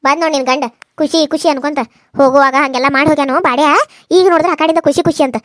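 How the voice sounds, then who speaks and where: A woman voicing a scolding middle-aged mother-in-law in a cartoon serial, with a North Karnataka Kannada accent and a sharp, rapid way of talking. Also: sits high, steady tone, no room sound, clean studio sound, lightly acted. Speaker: voice actor.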